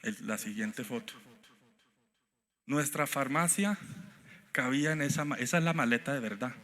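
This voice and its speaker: A man preaching a sermon in a church, telling stories and acting out dialogue, rising to loud emphatic points. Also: medium pitch, normal speed. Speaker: guest preacher. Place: church sanctuary.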